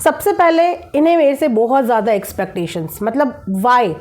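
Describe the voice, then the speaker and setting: A woman's voice: on the high side, animated, moderate pace, darkish tone. A woman hosting a reaction channel, talking straight to camera in a casual, insistent way and repeating her points. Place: indoors at night.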